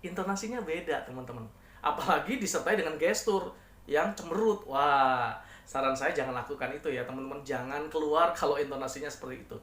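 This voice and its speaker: A man teaching hypnosis techniques, talking to his viewers as friends with an animated, demonstrative delivery. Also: on the high side, brisk, echoey room. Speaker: hypnosis coach. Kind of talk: instructional talk to viewers.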